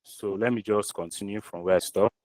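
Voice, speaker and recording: A man with a Nigerian accent lectures live in an online meeting call, going step by step with fillers and restarts. His lowish, a little mellow voice is brisk with fairly even intonation, captured in low-quality audio.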